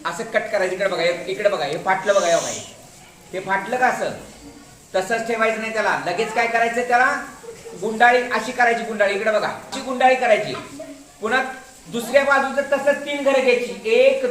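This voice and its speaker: A male school teacher in an echoey classroom patiently demonstrates a craft, repeating each step and calling on pupils to watch. His voice is high, brisk, and a bit bright, with a little hiss or hum in the roomy recording.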